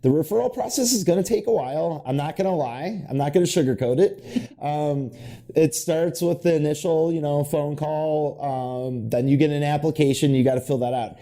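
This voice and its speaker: Bright, folksy chatty man. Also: a little high, normal speed. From United States. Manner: relaxed, folksy and conversational. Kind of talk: casual informational chat.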